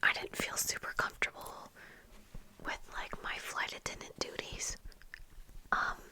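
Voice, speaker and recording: A young adult woman who makes ASMR videos whispers softly and breathily into a close desk microphone fitted with a fluffy windscreen. Her chat is casual, rambling, and unhurried, recorded in a small room at home with bookshelves.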